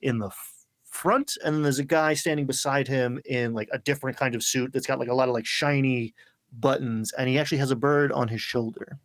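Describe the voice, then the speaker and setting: A man narrating as game master, describing the scene in an unhurried, rambling way. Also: mid-range voice, fairly even intonation, dry recording.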